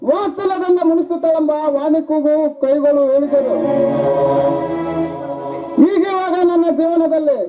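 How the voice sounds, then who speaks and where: A man's voice: extremely high pitch, measured pace, pauses often. A man playing a young son who confesses to his mother, in solemn, pleading folk stage declamation. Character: young adult son confessing a grave sin. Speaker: stage actor. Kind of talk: live folk stage drama. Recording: lo-fi live recording, loud music behind.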